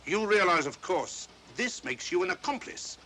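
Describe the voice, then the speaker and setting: An excitable English police inspector, high and swooping in pitch. He blusters officiously in 1940s film style on a faintly noisy soundtrack. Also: moderate pace, full character voice. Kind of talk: 1940s mystery film acting.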